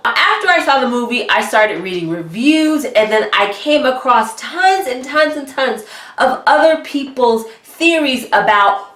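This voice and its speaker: A woman's voice: on the high side, a bit bright, roomy sound. A young woman hosting her channel, chatty and bubbly, sounding stuffy and nasal from a cold. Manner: bubbly, chatty, laughs often. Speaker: channel host. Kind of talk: casual vlog commentary.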